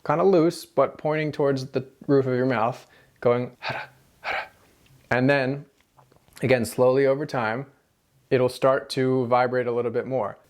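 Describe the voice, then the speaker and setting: A man's voice: mid-range voice, fairly even intonation, moderate pace. A man with an American accent explains pronunciation in a casual tutorial style, demonstrating tapped and rolled R sounds with repeated example syllables and words. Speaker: language teacher.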